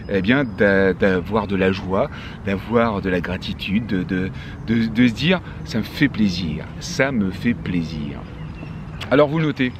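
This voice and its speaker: A French life coach in his fifties vlogs from a park bench, giving a casual motivational talk to camera. He's chatty, with many fillers and restarts, in a medium-pitched voice against a noisy background.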